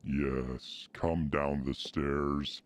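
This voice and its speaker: A man streaming a game while talking through a voice changer that shifts his voice very deep, in slow deadpan lines. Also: heavily acted. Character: very deep, gravelly voice-changer persona of a grown man. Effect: voice changer pitching his voice very deep. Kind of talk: gaming stream banter.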